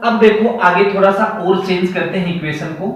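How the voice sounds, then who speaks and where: Slow high-voiced male teacher, echoey. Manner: slow, step-by-step explaining with questions to students. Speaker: maths teacher. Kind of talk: classroom maths lesson. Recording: echoey room, far from mic.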